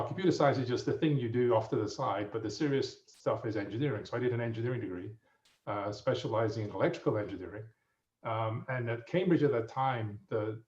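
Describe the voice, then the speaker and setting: A man in his fifties with an English accent, a guest telling his story in a relaxed, rambling way with lots of fillers, heard over muffled remote audio. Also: medium pitch, quick pace. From England. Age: 50s. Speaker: guest professor. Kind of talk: casual storytelling. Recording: muffled, roomy audio from a distance.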